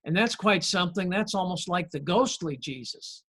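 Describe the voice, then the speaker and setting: A man preaching as pastor in a conversational sermon, telling stories with gentle humor and friendly, unhurried pauses. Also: high voice. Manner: folksy storytelling with gentle humor.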